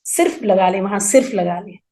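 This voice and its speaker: A woman teaching an Arabic grammar class, explaining patiently and slowly repeating word forms for emphasis. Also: mid-range voice, warm tone. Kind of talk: online class lecture.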